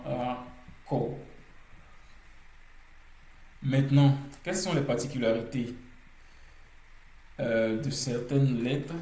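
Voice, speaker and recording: A male teacher walks through pronunciation rules at an unhurried pace, pausing often on hesitations and repeating each example word to drill it. His voice is mellow and soft-edged. The recording carries a noticeable room echo. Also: mid-range voice. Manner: slow and deliberate, many hesitations, repeats words to drill them. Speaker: language teacher.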